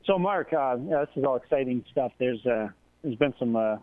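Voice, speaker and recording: A man calling in as a guest, his voice warbling and echoey as if inside a fishbowl, talking in a halting way as he searches for words. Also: medium pitch, expressive, slight background noise. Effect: warbling, echoey phone line, like talking inside a fishbowl. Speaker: call-in guest. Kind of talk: casual radio chat. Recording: tinny phone line.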